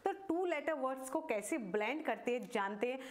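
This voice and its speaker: A woman teaches phonics to parents in a high, bright voice. She explains each step patiently and stretches every letter sound out slowly. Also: lively intonation.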